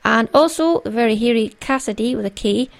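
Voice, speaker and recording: A woman's voice: a little high, a little fast, vocal fry. A Scottish woman hosting a solo craft podcast in a playful, conversational, jokey way. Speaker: podcast host.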